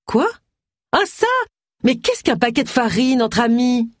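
A woman voicing a pushy, vain, falsely sweet woman in her fifties, in a high put-on voice, in an audiobook. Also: animated, unhurried, no room sound, clean studio sound. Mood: sugary.

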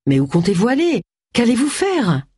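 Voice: mid-range voice, huge pitch swings, normal speed, darkish tone, husky, no room sound, studio quality, voice pushed up. An audiobook narrator voicing a distressed middle-aged woman boss who pleads with a departing employee. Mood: pleading.

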